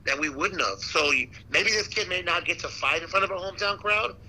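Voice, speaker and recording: A man who works as a ring announcer, chatting casually as an interview guest and telling stories in a slangy, animated way. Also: high voice, fairly quick, breathy edge, poor audio. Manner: slangy, animated storytelling with repeated "man" and "dude". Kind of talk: casual chat.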